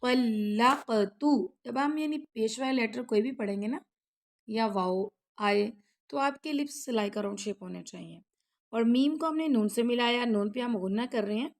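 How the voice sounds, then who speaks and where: A woman teaching Quran recitation rules, who chants each verse slowly and loudly and then explains quickly and softly, often checking that the learner follows. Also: a little high. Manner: checks in with the listener after each rule.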